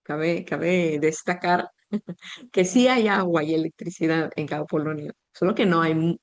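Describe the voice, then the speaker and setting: A woman teacher calmly walking through a conversation lesson, reading example phrases slowly and explaining them. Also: low voice. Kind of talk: explaining class materials.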